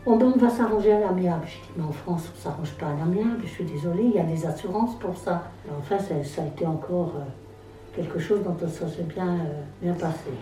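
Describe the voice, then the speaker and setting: A woman's voice: on the low side, brisk, dark tone. Older woman complaining, heard from afar. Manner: complaining, reproachful. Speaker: neighbor. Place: apartment building, indoors. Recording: distant roomy recording with faint noise.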